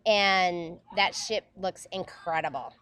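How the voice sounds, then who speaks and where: A woman's voice: on the low side, takes it slowly, a bit bright, clean tone. A middle-aged woman from Florida co-hosting a casual chat, giggly and rambling with many restarts. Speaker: co-host. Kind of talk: casual chat while drinking.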